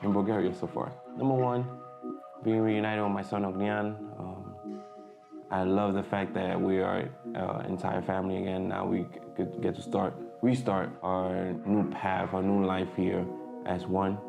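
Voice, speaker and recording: Over background music, a young man from the Dominican Republic whose first language is Spanish talks casually to camera in his vlog. He has a deep, gravelly voice with little pitch movement and a measured pace, and he stumbles through many fillers and restarts.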